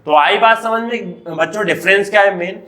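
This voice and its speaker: A man's voice: sits high, a little fast, bright, forceful tone. An Indian man teaching English grammar in a classroom, asking his students questions and answering them himself. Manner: repeatedly asks and answers his own questions, addressing children. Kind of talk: classroom lecture.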